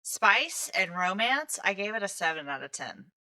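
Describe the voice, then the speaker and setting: A woman's voice: medium pitch, very animated, normal speed, sharp tone. A woman co-hosting a book podcast, chatting casually with many ums and restarts. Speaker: podcast co-host. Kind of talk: casual book review chat.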